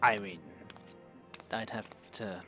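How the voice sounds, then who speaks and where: A man's voice: fairly low pitch, steady tone, slow, pushed and bright, soft background music. A young man streaming a game, bantering sarcastically and reading the on-screen dialogue in a mock-formal voice. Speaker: streamer playing a game for the first time. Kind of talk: casual live-stream banter.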